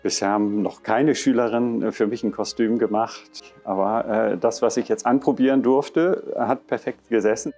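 A man's voice: fairly low pitch, fairly even intonation, moderate pace, hardly any pauses. A man, an opera soloist, talking hesitantly in an interview with many fillers. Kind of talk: interview statement. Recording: loud music behind.

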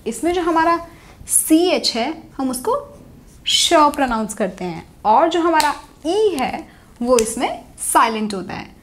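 Mixing Hindi and English, a young woman leads a pronunciation lesson in a high, sing-song voice that moves up and down constantly. She says every target word slowly and clearly, and there is a little hiss or hum in the recording.

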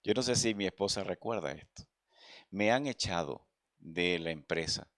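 A man's voice: sits low, animated, moderate pace, fairly bright tone, no room sound, studio quality. A middle-aged man preaching in church, telling a personal testimony and earnestly calling his listeners brother.

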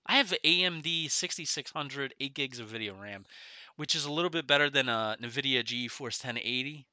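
A man's voice: mid-range voice, brisk, sharp tone, no room sound. A middle-aged man chatting casually on a gaming livestream, talking a little oddly with his face half numb from the dentist. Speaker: game streamer. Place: small room at home, indoors.

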